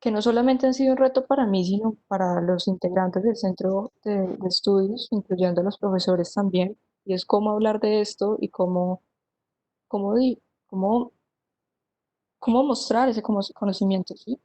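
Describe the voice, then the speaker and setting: A woman's voice: mid-range voice, steady tone, moderate pace, warm tone, dry recording, rough recording. A young woman, a history student giving a careful, somewhat hesitant panel answer over a video call. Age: young adult.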